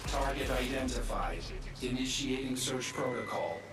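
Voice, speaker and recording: A robotic male security machine calls out terse, flat status reports in a video game. The voice sits at an ordinary middle pitch and comes from some distance away. Loud music plays over it. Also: normal speed. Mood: monotone. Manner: flat clipped status announcements.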